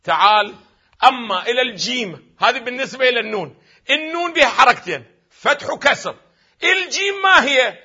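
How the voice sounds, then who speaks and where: Iraqi guy teaching a religion class, fairly high voice, asks questions and answers them himself, slightly muffled lo-fi recording. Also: expressive, sharp tone. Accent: Iraqi Arabic. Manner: stretches words slowly to spell out their vowels. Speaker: religious studies lecturer. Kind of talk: classroom lecture.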